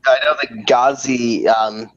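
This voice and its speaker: Halting teenage guy on a dull mic. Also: mid-range voice, steady tone. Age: teens. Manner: hesitant, halting, swears casually. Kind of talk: casual group chat. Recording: dull lo-fi mic with faint noise.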